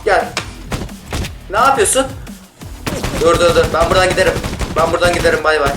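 A man giving casual gameplay commentary, excitable and yelling in bursts during fights, talking to the other players. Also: on the high side, fairly quick, distant mic. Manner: talks to other players and teammates. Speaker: gaming YouTuber. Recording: roomy sound, off-mic, loud game music. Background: game music and gunfire.

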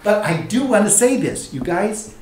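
Lively storytelling man in an echoey room. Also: normal speed. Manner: acts out quoted dialogue with lively swings in pitch. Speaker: teacher leading a ministry training session. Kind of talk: animated storytelling lesson. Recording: very echoey room, distant mic, faint hiss.

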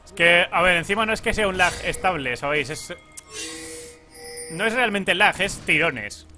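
A man's voice: high voice, moderate pace, bright, forceful tone. A young man from Spain with a Spanish accent, chatting casually over his gameplay, laughing and swearing at the lag. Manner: laughing, swearing, mock pleading at the game. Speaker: gaming YouTuber. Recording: faint music behind.

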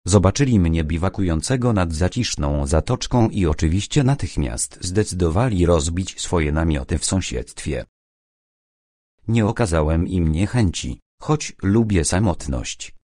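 Deep-voiced male audiobook narrator. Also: expressive, unhurried, mellow, no room sound, clean studio sound. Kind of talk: first-person audiobook narration.

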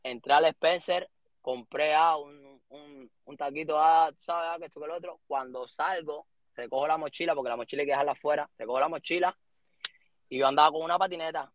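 A man in his thirties from Cuba with a Cuban accent, telling a story as an interview guest in lively street slang. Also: a little high, brisk, no room sound. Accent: Cuban Spanish. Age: 30s. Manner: animated street slang, acts out quotes.

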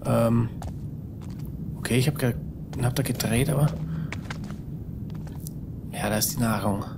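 A man's voice: medium pitch, measured pace, creaky. A man playing a video game and commenting casually, muttering to himself with fretful sighs. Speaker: let's player. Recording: audible background noise.

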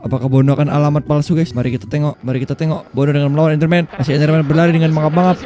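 Excitable high-voiced young man gaming. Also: very fast, faint music behind. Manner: excitable, shouting and yelping at the game; slangy banter with a teammate. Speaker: gaming YouTuber. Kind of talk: let's play commentary.

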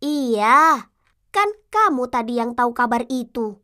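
A high, bright, bouncy boy's voice, acted by a woman, with pitch that swings up and down a lot. He is a playful village kid who likes to tease his friends. It is a children's TV drama. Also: lively intonation, measured pace. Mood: coaxing. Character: playful, teasing young village boy.

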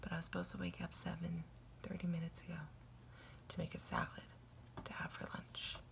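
Whispered vlog: young woman talking hushed in a home kitchen, low and soft on a phone mic. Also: completely flat delivery, a little fast, vocal fry. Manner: quiet whisper so as not to wake someone. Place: home kitchen, early morning.

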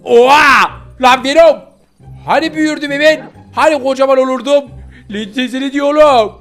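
A small male pitbull puppy, voiced by a man in a game role-play, whining and complaining in a high, pushed-up voice. He is eager and easily fooled, and his complaints sound needy rather than angry. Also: moderate pace, fairly bright tone, faint music behind. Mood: whiny.

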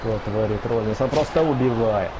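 A man giving excitable wrestling commentary over video game play, exclaiming and repeating his phrases. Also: medium pitch, moderate pace. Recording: clear background game noise.

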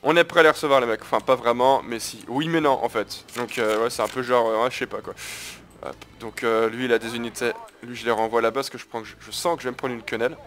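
A man's voice: medium pitch, steady tone, quick pace, fairly bright tone. A man hosting his gaming video, talking viewers through a strategy match in a casual, crude, chatty way. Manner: chatty, crude slang, keeps addressing viewers as guys. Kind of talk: casual live gameplay commentary.

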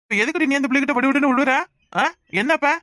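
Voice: high-pitched, steady tone, fast talker, pushed and bright, no echo, studio quality. A performer voicing a bossy but caring middle-aged village uncle in a cartoon, with a Kanyakumari Tamil accent. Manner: bossy but affectionate, scolding. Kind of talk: cartoon voice acting.

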